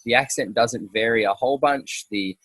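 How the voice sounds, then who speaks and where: A man's voice: mid-range voice, normal speed, fairly bright tone, slightly rough. A man hosting an interview outdoors, hesitant and full of fillers. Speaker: host. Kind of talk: casual interview talk.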